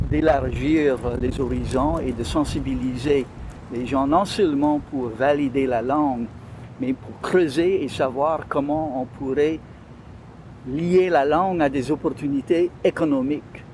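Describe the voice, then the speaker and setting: Guy with a cajun louisiana french accent, interview chat, keeps pausing for words, noisy outside sound. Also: medium pitch, a little mellow. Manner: hesitant, searching for words. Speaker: interview guest. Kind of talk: conversational interview.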